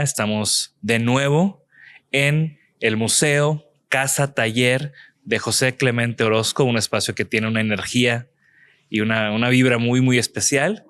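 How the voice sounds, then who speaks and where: A man hosting a podcast interview, talking in a relaxed, rambling way with frequent restarts. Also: medium pitch, smooth. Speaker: podcast host. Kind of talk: casual interview chat. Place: museum house-studio.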